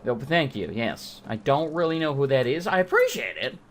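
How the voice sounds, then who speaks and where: A man's voice: mid-range voice, sing-song, moderate pace. A man hosting a let's play, giving casual, joking gaming commentary with informal, sweary talk.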